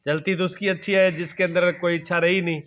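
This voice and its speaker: In this devotional sermon, a middle-aged man speaking as a spiritual teacher answers his own rhetorical questions and keeps returning to simple, homely examples from daily life. He talks a little fast in a high, slightly bright voice that barely moves in pitch.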